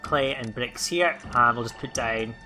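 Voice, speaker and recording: A man hosting a let's play, giving relaxed gameplay commentary and thinking aloud with plenty of ums and uhs. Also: medium pitch, unhurried, over music.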